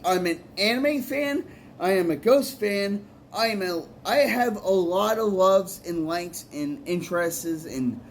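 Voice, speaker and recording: A man's voice: sits high, a little hiss or hum. A man, a musician and poet, giving rambling, earnest advice in a casual vlog, often repeating himself.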